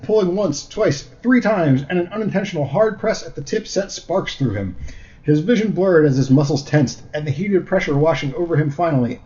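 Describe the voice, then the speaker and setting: A man co-hosting a comedy podcast, joking and rambling with plenty of fillers. His voice sits a little high and swings widely in pitch as he jokes and reads aloud. The recording sounds dull and lo-fi. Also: darkish tone. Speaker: podcast co-host. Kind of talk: casual comedic chat and reading aloud.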